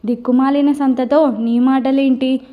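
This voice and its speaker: A woman voicing a harsh, angry father who shouts in an audio story. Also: sits high, little pitch movement, a little slow, muffled recording. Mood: furious.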